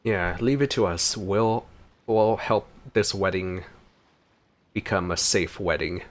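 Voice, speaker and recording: A man with a deep, slow voice gives casual, exclamatory commentary on a game, thinking aloud informally as he plays. He's a gaming video creator.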